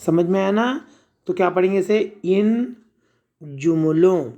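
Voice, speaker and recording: Slow, patient man teaching letters. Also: sits high, mellow, lo-fi sound. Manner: patient, sounding out letters and asking children to repeat. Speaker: primary school Urdu teacher. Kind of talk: slow spelled-out reading lesson for children.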